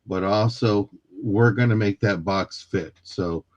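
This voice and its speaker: A man's voice: lowish voice, slow pace, no room sound. A man casually explaining shop rules in a live sale, joking and reassuring, laughing often.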